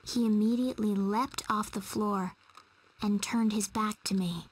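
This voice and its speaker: A woman reading a story narration in a measured, storytelling voice. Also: medium pitch, steady tone, husky, rough recording.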